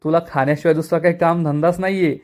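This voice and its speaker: A man's voice: on the high side, steady tone, quick pace, darkish tone, lightly acted. A man voicing a scolding, suspicious middle-aged aunt.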